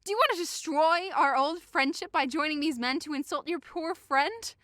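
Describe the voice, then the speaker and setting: This actress voices a young woman who believes she's being mocked, impassioned, sarcastic and accusing, but wounded and pleading underneath, for a Shakespeare audio drama rendered in modern English. She speaks at a moderate pace in a high, bright, forceful voice, recorded cleanly in a studio without echo.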